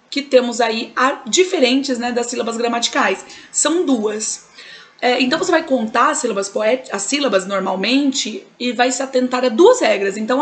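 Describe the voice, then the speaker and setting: A woman with a Brazilian accent, a teacher explaining poetry to students in a recorded lesson, often checking in with them as she goes. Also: on the high side. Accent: Brazilian Portuguese. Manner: explanatory, checks in with frequent tags.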